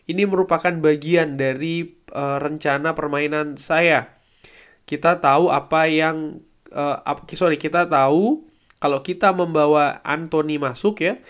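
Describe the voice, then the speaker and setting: Give me a man, casually reviewing a match at a desk microphone, a touch high-pitched. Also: a bit bright. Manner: conversational, filler-heavy, paraphrasing quotes. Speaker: football channel host. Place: small room at home.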